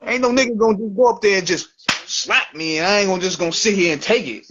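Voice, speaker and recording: A man's voice: sits high, fast talker, lo-fi sound, noisy background. A man hosting a casual talk show, with loose, slangy talk that keeps repeating and restarting. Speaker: show host. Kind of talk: casual chat.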